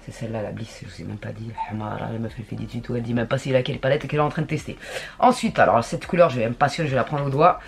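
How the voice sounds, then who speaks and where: Gravelly-voiced chatty woman vlogger. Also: a bass voice, steady tone, racing. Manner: chatty and slangy, talking to herself while working. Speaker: beauty vlogger. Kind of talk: casual makeup tutorial chat.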